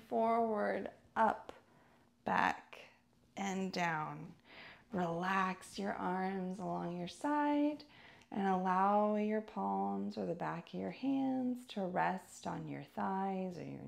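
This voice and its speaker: In a mid-range voice touched with vocal fry, a woman guides a meditation as a yoga instructor, slow and soothing, leaving pauses between each phrase.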